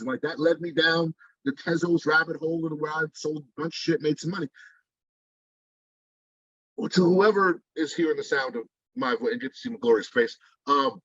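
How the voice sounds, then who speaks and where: A man speaking in a casual interview, blunt and profane with lots of animated swings. His voice is husky and middle-pitched, heard on a dry, dull, lo-fi recording. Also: dry recording. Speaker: digital artist interviewee.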